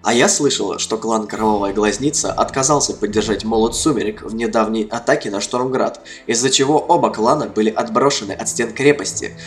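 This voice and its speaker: A man voicing a fierce, proud half-orc woman who speaks in sharp, commanding outbursts. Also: on the high side, a little fast, hardly any pauses, faint music behind, voice pushed up, close to an everyday voice. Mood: haughty. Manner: sharp, loud, imperious outbursts.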